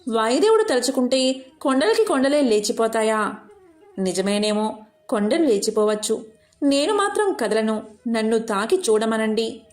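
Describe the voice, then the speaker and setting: A woman voicing a proud, boastful giant tree in a devotional story, talking loud and bragging. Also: a little high, lively intonation, normal speed, long pauses, reverberant, natural voice.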